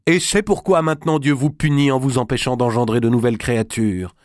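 A man's voice: brisk, darkish tone, no echo, clean studio sound, close to an everyday voice. A man playing a devout, resolute young queen, speaking firmly and accusingly in a storybook reading. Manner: firm and accusing, raised high.

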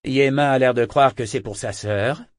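A man's voice: mid-range voice, moderate pace, no room sound, lightly acted. Kénit, a man doing a curt, dry pirate captain. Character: stern, sharp-tongued male pirate captain.

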